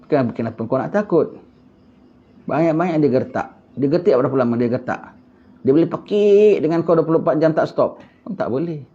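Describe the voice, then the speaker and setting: A religious teacher delivers an Islamic lecture in casual colloquial Malay, preaching animatedly with rhetorical questions and sudden emphatic bursts. His voice is fairly high and dark-toned, brisk, with lively intonation. The recording is muffled and lo-fi.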